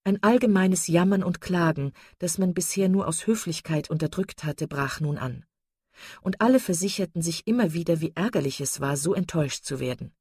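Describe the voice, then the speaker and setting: A woman reading a classic novel aloud as audiobook narrator, measured and even. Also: lowish voice, slightly rough, no echo, studio quality. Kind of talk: scripted narration.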